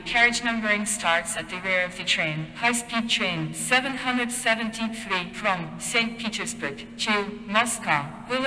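A woman making measured, formal train announcements over a PA system in a large railway station. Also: medium pitch, pushed and bright. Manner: measured, clipped and formal, slowing on place names. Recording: long reverb of a station hall.

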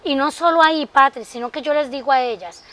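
A woman guest on a TV interview with a very high voice. As a sewing workshop teacher, she speaks in a heartfelt, emphatic way and often calls the host by name. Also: a little fast, fairly bright tone. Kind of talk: interview answers.

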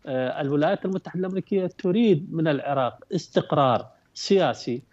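A man analyzing politics as a talk-show guest, measured, with frequent hesitant fillers. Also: fairly high pitch, darkish tone, no room sound. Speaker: international relations researcher guest. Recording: dull dry remote link.

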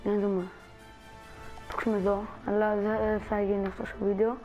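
A woman's voice: mid-range voice, level tone, a little mellow, highs cut off, faint music behind. A woman giving casual gameplay commentary as a channel host, chatting and talking viewers through her moves.

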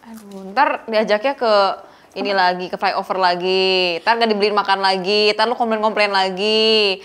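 A woman's voice: mid-range voice, steady tone, normal speed, a bit bright, clean tone, close to an everyday voice. A woman playing a young roommate in a sitcom who scolds and complains in a bossy, exasperated way. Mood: scolding. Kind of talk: sitcom acting.

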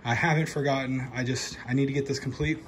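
A man's voice: medium pitch, steady tone, fast talker, a little hiss or hum. A man casually talking through his home studio setup in a loft, rambling with lots of fillers. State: out of breath. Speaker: channel host. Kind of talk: casual vlog update. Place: home loft room being set up as studio.

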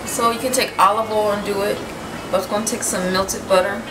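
Chatty and loose, a woman in her twenties walks through a home cooking demo in her kitchen, saying "you know" and "y'all" often. Her voice is medium-pitched, steady and fairly quick. A camera mic across the room picks her up with roomy, noisy kitchen sound and loud music underneath.

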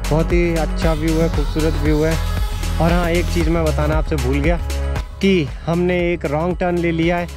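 A man's voice: on the high side, level tone, moderate pace, music in the background. A man in his thirties from India, narrating a casual motorcycle travel vlog outdoors on mountain roads, chatty and enthusiastic as he explains tips to viewers.

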